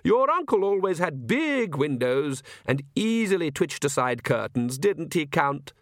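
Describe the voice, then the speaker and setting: A condescending vampire countess, as a male narrator puts her on, her voice pitched well above his own and coated in false sweetness. Each line drips with haughty menace, and the sound is close and dry. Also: big pitch swings, unhurried, no room sound.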